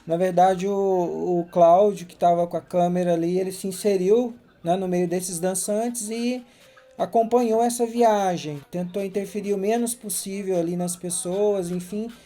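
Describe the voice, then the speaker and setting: Male filmmaker, very warm and dark tone, unhurried explanatory commentary. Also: sits high, faint music behind. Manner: calm, explanatory, with frequent "né". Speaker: filmmaker and journalism professor. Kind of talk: film commentary track.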